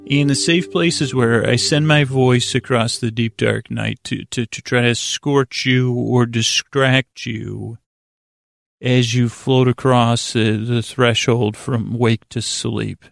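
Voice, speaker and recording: A man with a creaky voice hosting a sleep podcast, delivering a hesitant, meandering, self-correcting bedtime monologue in a lulling, soothing way. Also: mid-range voice, fairly even intonation, takes it slowly, no echo, studio quality.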